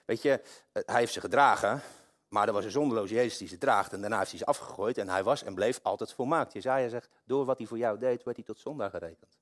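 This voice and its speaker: A man preaching a sermon, swinging between hushed, intimate passages and loud, impassioned ones. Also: fairly low pitch, fast talker. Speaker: pastor.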